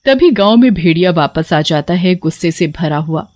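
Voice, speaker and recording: A woman narrating an animated horror story in a steady, even storytelling manner. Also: lowish voice, moderate pace, dry recording. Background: faint music.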